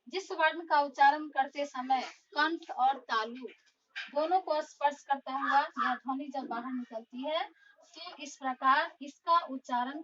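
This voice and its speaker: A woman teacher giving a slow, deliberate classroom lesson, explaining step by step. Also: sits high, a bit bright. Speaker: school teacher. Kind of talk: classroom lesson on Hindi phonetics. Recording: distant mic, dull lo-fi sound.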